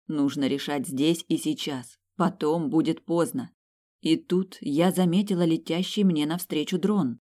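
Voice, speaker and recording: A woman narrates a first-person novel as an audiobook reader, her voice low and mellow. She delivers it with emotion, her voice climbing on exclamations and quoted lines.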